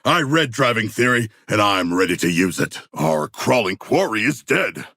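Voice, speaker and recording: Battle-hungry shark creature, raspy, widely swinging pitch, stilted learned phrasing, earnest, game character. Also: male voice, big pitch swings, normal speed, pushed and bright, no echo, clean studio sound, exaggerated voice. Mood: calm, earnest. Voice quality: gravelly, rough. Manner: formal, stilted, articulate diction with literal-minded earnestness. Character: hulking humanoid shark brute, earnest, erudite and battle-hungry. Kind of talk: video game character voice lines.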